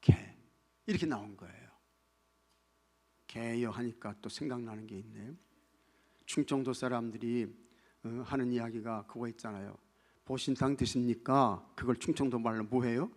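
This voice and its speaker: A male pastor preaching a sermon. He swings between loud, emphatic lines and soft near-whispers, and keeps asking the congregation questions. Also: mid-range voice, moderate pace, pauses often.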